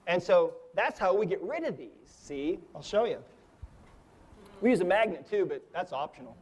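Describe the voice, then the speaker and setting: A man in his fifties with a fairly high voice tells a long story as part of a lesson. His talk is relaxed and conversational. He keeps checking in with his listeners with a quick "right?" or "okay?". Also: husky. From United States. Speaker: energy healing teacher. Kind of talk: storytelling lecture.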